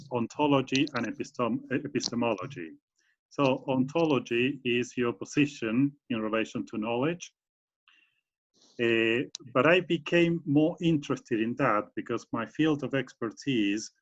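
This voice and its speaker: A man from Argentina with an Argentine Spanish accent, explaining his academic work in a video call interview, full of fillers and restarts. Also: medium pitch. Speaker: guest speaker, university professor. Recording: muffled video call audio.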